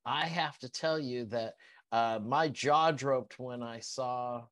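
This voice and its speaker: A man's voice: mid-range voice, slow pace, a bit bright, no room sound. A man hosting a casual interview, laid-back and giving short encouraging replies. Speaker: host.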